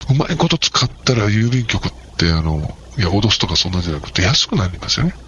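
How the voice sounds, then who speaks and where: Low-voiced man explaining postal tips. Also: big pitch swings, fast, a bit bright. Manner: chatty, jokey, practical advice-giving. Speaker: post office worker as guest. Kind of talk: casual explanatory interview talk. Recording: dull lo-fi with faint noise.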